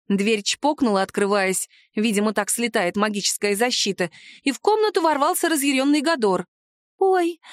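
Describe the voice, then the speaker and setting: A woman narrating a first-person audiobook in a lively, ironic manner. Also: mid-range voice, no room sound, studio quality.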